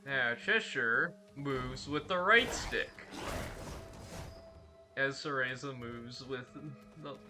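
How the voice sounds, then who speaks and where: A man giving relaxed, chatty commentary while streaming a game. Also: medium pitch, slow pace, long pauses, music in the background. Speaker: gameplay streamer. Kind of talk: casual gameplay commentary.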